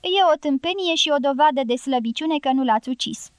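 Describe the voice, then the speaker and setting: A woman reads a novel aloud as an audiobook narrator, carrying every character's lines in her own voice. Her voice sits high. The sound is dry and close, with no room around it. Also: dry recording.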